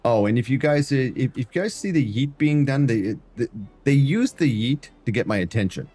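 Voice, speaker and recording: A man's voice: mid-range voice, lively intonation, moderate pace, mellow. A man streaming live, chatting loosely through gameplay and often stumbling over and repeating his words.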